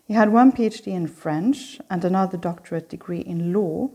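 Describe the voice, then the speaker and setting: A middle-aged woman from Sweden giving a prepared opening lecture as host of a lecture series, in a measured, reflective reading. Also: on the low side, warm tone, husky.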